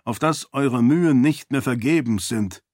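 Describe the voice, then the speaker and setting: A man voicing a stern, cunning male warrior priest with a slight foreign accent, speaking calmly and condescendingly. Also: mid-range voice, dry recording, clean studio sound, natural voice. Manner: calm, measured, condescending.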